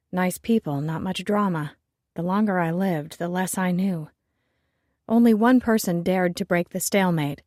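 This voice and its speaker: Low-voiced woman reading a novel. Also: a little mellow, no echo, clean studio sound. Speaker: audiobook narrator. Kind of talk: first-person novel narration.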